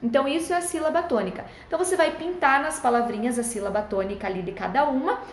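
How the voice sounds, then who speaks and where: High-voiced woman teacher, echoey room. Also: quick pace. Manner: patient, friendly, checks in often with tag questions. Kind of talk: explaining schoolbook exercises to children.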